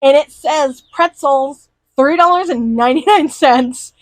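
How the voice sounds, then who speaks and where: A woman's voice: high-pitched, a little slow, dry recording, rough recording. A woman in casual chat, animatedly retelling a cartoon and acting out the characters' lines. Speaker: podcast co-host.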